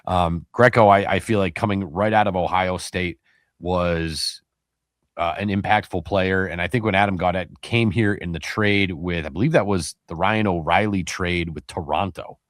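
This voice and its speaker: Male podcast co-host, deep voice, dry close-miked sound, rambling casual delivery. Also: normal speed, no echo. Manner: rambling, many fillers and restarts. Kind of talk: casual sports chat.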